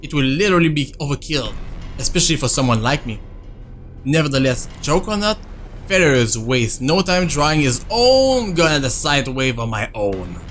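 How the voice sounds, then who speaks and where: Male streamer, mid pitch, reading game text, chatty asides. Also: sing-song, normal speed, a bit bright, soft background music. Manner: reads narration, breaks off to answer chat. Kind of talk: reading a visual novel aloud with casual chat.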